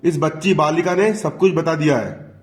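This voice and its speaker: A man's voice: fairly high pitch, moderate pace, roomy sound, a little hiss or hum, lightly acted. A stern, sarcastic police inspector breaking up a crime in a classroom retelling of a play, voiced by a male teacher. He barks with a raised, pushing voice. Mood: commanding. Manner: commanding, sarcastic.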